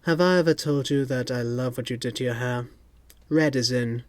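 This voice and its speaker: A man voicing a suave male secret agent with smooth, dry wit. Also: mid-range voice, moderate pace, no room sound, close to an everyday voice.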